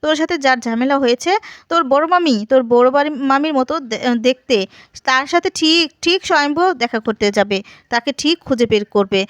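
A woman's voice: high voice, a little fast, no echo, studio quality, close to an everyday voice. A woman voicing a scheming, gloating older grandmother.

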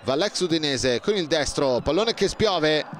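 A man commentating on football in breathless, excited goal-call style, shouting and stretching out his words. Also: fairly high pitch, a little slow. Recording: crowd roar and stadium noise behind. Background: loud stadium crowd.

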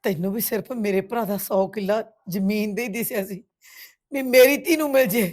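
A woman's voice: mid-range voice, normal speed, darkish tone, close to an everyday voice. An actress with a Punjabi accent playing a grieving village woman who bitterly reproaches a family friend. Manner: reproachful, tearful accusations. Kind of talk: village web series drama.

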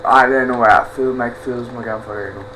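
A man's voice: medium pitch, steady tone, noisy background. A man commentating a horror game, swearing, taunting and joking at the enemies. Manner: loud, crude, taunts enemies. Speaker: gaming YouTuber. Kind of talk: let's play commentary.

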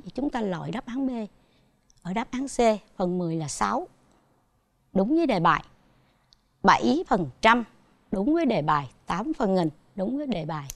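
A woman's voice: mid-range voice, creaky, dry recording. A woman with a Southern Vietnamese accent teaching a televised primary school math lesson, patiently asking her pupils questions as she goes.

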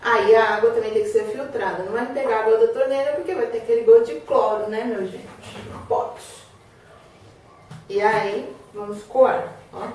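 A woman hosting a cooking demonstration, chatting with viewers and giving her helper quick asides. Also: a little high, darkish tone, a little hiss or hum. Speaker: cooking show host. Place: kitchen. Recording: echoey room, mic far off.

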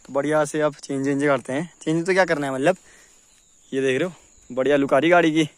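A man's voice: a little high, fairly even intonation, fast talker, dry recording. A young man chatting to the camera on an outdoor hill road during a casual motorbike travel vlog. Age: young adult. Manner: chatty, talks straight to the camera. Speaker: vlogger. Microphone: camera held at arm's length and helmet camera.

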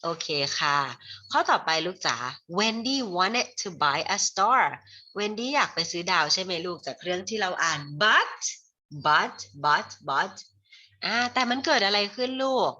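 A woman with a Thai accent teaching English to children in an online lesson, moving between Thai and slow, carefully spelled English and calling the viewers "child". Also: medium pitch, lively intonation, sharp tone, lo-fi sound.

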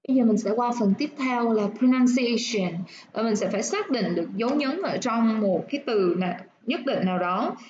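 A woman teaching nursing English, explaining step by step and repeating words slowly to show where the stress falls. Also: fairly high pitch, muffled recording, noisy background.

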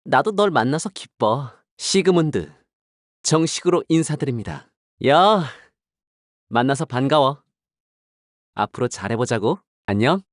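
A man voicing a suave, flattering young game racer. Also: medium pitch, a little slow, long pauses, dry recording, studio quality, close to an everyday voice. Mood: greeting.

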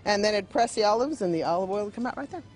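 Inside a big hall, a middle-aged museum guide fields a TV reporter's questions into his handheld mic, friendly and explanatory. Her medium-pitched voice is animated and very fast, a little mellow.

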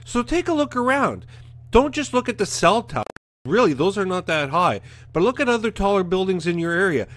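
A man's voice: high voice, sing-song, fairly quick, fairly bright tone. A man in his forties ranting bluntly to camera as a show host, speaking into a studio mic in his living room. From Canada. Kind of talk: casual rant to camera. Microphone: studio mic in front of webcam.

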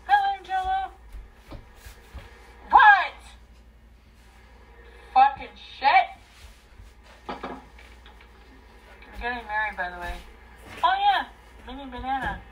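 A woman's voice: fairly high pitch, sing-song, measured pace, pauses often, far from the mic, muffled recording. A drunk woman in her thirties rambling and swearing casually to livestream viewers, emotional and volatile, recorded in a bedroom. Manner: emotional, swinging between crying, laughing and shouting. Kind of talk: casual live chat, rambling and profane. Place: small bedroom, indoors.

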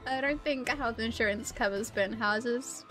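A woman's voice: a little high, unhurried, sharp tone, faint music behind. A woman bantering casually during a game, with a playful, silly, teasing manner. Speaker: co-streamer, playing a grandma character in game.

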